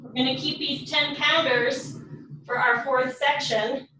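A bright-toned woman counts down reps in a slow, unhurried way, a little out of breath as she coaches a home workout. She sounds far from the mic in a very echoey room. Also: high-pitched, fairly even intonation, a little hiss or hum. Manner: cueing reps and counting down, upbeat. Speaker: fitness instructor. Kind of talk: live workout instruction. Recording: roomy echo from far off the mic.

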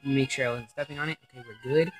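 A man doing let's play commentary on a game, excitable and rambling, swearing often. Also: medium pitch, quick pace, faint music behind. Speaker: gaming commentator.

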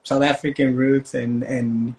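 A young man talks easily over a video call, in a relaxed and rambling way, looping back on his own phrases. His voice sits at an ordinary middle pitch for a man. He sounds like a guest on a casual interview. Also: unhurried, low-quality recording. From Australia. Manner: relaxed, rambling with restarts and fillers. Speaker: guest singer-songwriter. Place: indoor room at home.

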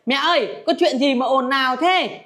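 An easygoing, generous older brother, played by a woman in a comedy family skit. He talks in a high, relaxed voice, showing things off. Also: normal speed. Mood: pleading.

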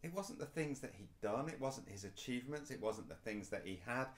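An English pastor preaches a recorded sermon to camera in a small indoor room, his medium-pitched voice animated and brisk. Earnest and emphatic, he lets his emphasis rise and fall and gestures as he speaks.

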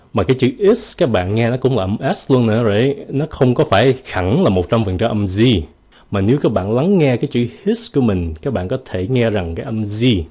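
A man giving a casual, joking pronunciation lesson, slowing down to stretch out the example words. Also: on the low side, mellow. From United States. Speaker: English pronunciation teacher.

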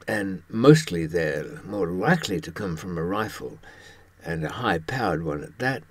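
This is a conversational monologue to camera from a presenter in his seventies, speaking from personal experience. His voice is low and husky with lively pitch swings, and his manner is wry and halting, with frequent pauses as he searches for words. The sound is close and dry.

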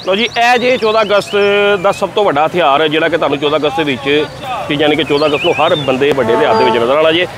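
Talking fast in a slightly high voice, a man with a Lahori Punjabi accent gives a lively, chatty street vlog from a busy open-air bazaar. He speaks right to his audience as he tours the market, with the noise of the crowd behind him.

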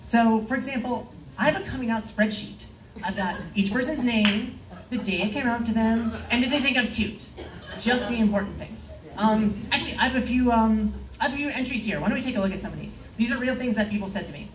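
A young woman performing a stand-up comedy set on a club stage, delivering dry, deadpan one-liners with the odd filler. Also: a little high, brisk, noisy background. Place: comedy club stage, in front of a live audience. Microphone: far room pickup, no mic held. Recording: echoey club heard from far off.

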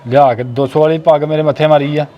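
High-voiced, sulky man. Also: fairly even intonation, fast, dull audio. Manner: sulky, sharp and demanding. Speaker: angry brother-in-law. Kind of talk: family short-film acting.

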